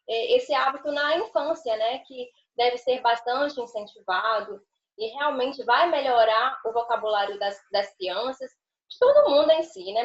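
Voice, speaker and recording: Woman, brazilian portuguese accent, high pitch, seminar presenter, roomy lo-fi recording. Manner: explanatory, reading quotes then paraphrasing. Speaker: student presenter. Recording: roomy, dull lo-fi call audio.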